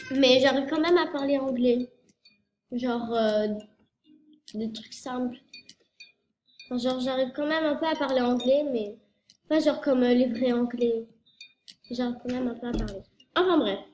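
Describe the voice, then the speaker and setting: The woman's voice sits high and sounds a little mellow. It belongs to a French girl in her early teens, a YouTuber whose cold leaves her nose blocked as she wanders through a casual vlog with plenty of fillers and self-corrections, recorded in an echoey room with faint noise.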